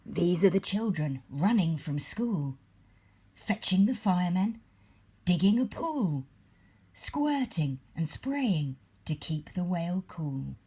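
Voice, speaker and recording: A woman reading a rhyming storybook aloud in a breathy, measured and expressive storytelling manner. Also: fairly low pitch. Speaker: parent reading a bedtime story.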